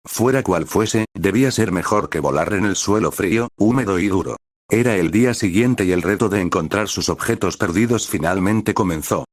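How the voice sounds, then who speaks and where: Low-voiced man reading a story. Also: normal speed, no room sound, studio quality. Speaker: narrator. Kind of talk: reading a fan story aloud.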